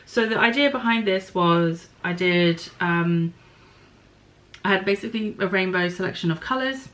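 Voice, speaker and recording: A woman's voice: medium pitch, moderate pace, fairly bright tone, rough recording. A middle-aged woman hosting a podcast, chatting casually about her knitting and spinning, thinking aloud and stopping to apologise for small slips. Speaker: podcast host.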